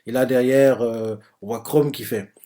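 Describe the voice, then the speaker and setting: Dark in tone and mid-range in pitch, this man's voice keeps a fairly even intonation at a measured pace. He's a manga reaction channel host streaming live, thinking aloud page by page with lots of hesitation and fillers such as "euh" and "en gros." He explains things as he reads and sums up others' dialogue in his own voice.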